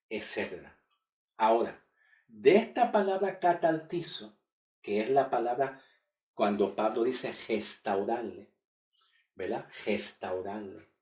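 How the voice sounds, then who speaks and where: Slow-talking male Bible teacher. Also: medium pitch, a little mellow. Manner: slow, repeats key words, checks in with listeners. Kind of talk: Bible study lesson. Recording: echoey room, voice from far off the mic.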